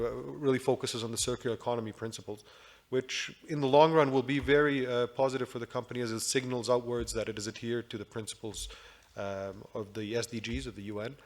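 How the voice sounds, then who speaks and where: A man giving businesslike remarks on a conference panel, pausing often on fillers. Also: mid-range voice. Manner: businesslike, with frequent filler pauses.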